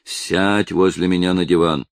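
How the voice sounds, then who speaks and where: A man's voice: sits low, steady tone, a little slow, gravelly, no room sound, clean studio sound. A man voicing an obsessive, possessive villain who threatens a young woman, in a menacing, insistent manner. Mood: threatening.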